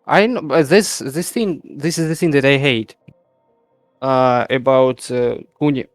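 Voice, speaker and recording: A man's voice: mid-range voice, measured pace, no room sound, soft background music. A man from Ukraine, a tournament player, talking hesitantly after his match with many fillers. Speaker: player guest. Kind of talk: casual post-match talk.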